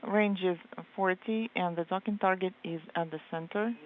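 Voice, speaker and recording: A woman giving a live translation voice-over of radio exchanges, speaking in halting pieces with many hesitations. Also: fairly low pitch, fairly even intonation, slight background noise. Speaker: interpreter. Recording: very narrow phone-like line.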